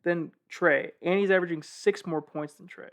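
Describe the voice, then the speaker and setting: A man's voice: high-pitched, steady tone, normal speed. A young man co-hosting a podcast, laid-back in casual sports chat, laughing often and citing stats. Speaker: podcast co-host.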